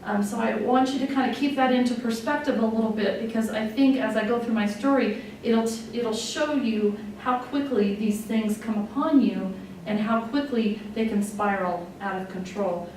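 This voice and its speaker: A woman's voice: a little high, moderate pace, a little mellow. Woman in her 40s from wyoming, nurse telling her story, candid and emotional, lots of ums, far off mic in a super echoey room. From Wyoming, USA. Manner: candid, conversational, many fillers, openly emotional. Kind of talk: personal testimony talk. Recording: echoey room, distant mic, faint noise.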